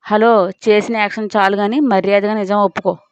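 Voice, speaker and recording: A woman's voice: mid-range voice, flat delivery, brisk, clean tone, no room sound, natural voice. A woman voicing a spiteful female office colleague who taunts sarcastically. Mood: sneering. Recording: dull lo-fi dry recording.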